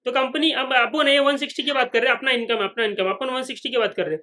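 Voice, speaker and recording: Guy teaching finance, talks fast, bright voice, keeps asking if you get it. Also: very high voice, steady tone. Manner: repeats points, asks students if they follow; voices imagined students' questions. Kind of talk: whiteboard lecture.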